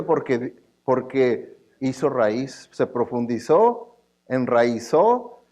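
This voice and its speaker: A man's voice: mid-range voice, darkish tone. A man preaching a sermon in a conversational way, with joking asides, often checking in with the congregation. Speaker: pastor.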